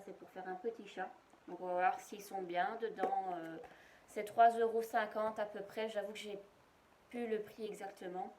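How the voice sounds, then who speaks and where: Casual home vlogger, female, slightly low-pitched, hesitant and talkative, light noise behind. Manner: chatty, rambling, many hesitations. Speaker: vlogger showing shopping finds. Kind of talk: casual product show-and-tell. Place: at home, indoors.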